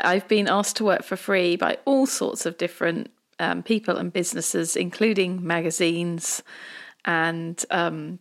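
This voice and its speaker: Female co-host, casual podcast chat, gravelly with vocal fry, lower register, conversational.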